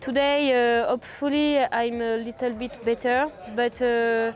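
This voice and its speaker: A non-native English-speaking woman giving a casual racer interview, halting with many hesitations. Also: on the high side, level tone. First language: not English.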